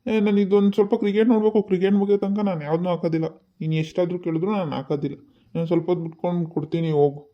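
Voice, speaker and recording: A man's voice: high voice, fairly even intonation, rapid-fire, lo-fi sound, natural voice. A man voicing a stubborn, lazy college-age son in a cartoon, talking back sulkily. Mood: defiant. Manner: defiant, sulky backtalk.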